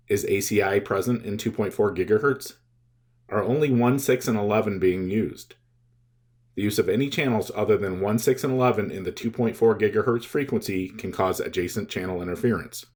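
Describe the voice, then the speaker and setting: This tutorial presenter, a man whose voice is on the low side, delivers scripted instructional narration, laying out each point in a measured, step-by-step way.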